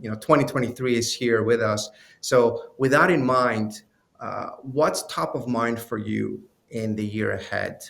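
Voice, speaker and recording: A man's voice: lowish voice, vocal fry, a bit bright. A man moderating an interview, asking loose, friendly questions with many "you know" fillers.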